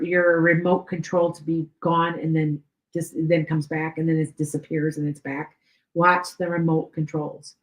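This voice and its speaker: Speaking low in an echoey space, a middle-aged medium with Chicago and Wisconsin tones reads for her live-stream audience. Her talk is chatty and repetitive, and she keeps checking whether her words are landing clearly.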